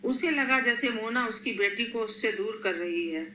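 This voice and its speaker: A woman narrating a scripted family story in a steady, expressive reading voice, in an echoey room. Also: a little high, normal speed. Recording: echoey room, faint noise.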